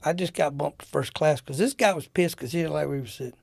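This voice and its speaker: Man guest, gravelly storyteller, animated, dry close mic. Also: on the high side, fast, no room sound. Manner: animated, acts out the people in his stories. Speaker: interview guest telling war-era travel stories. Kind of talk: casual storytelling.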